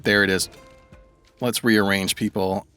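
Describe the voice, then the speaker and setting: A man's voice: on the low side, flat delivery, measured pace, a bit bright, smooth, soft background music. A man giving casual let's-play commentary, thinking aloud and rambling as he plays. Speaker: gaming video creator.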